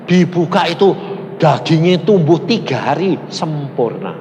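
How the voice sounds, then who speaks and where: A man's voice: fairly high pitch, measured pace. A man with a Javanese accent preaching a storytelling sermon, acting out the voices in his story and slipping into local dialect. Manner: animated, acts out quoted voices, mixes in local dialect. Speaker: evangelist preacher. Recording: long reverb in a large hall, faint noise.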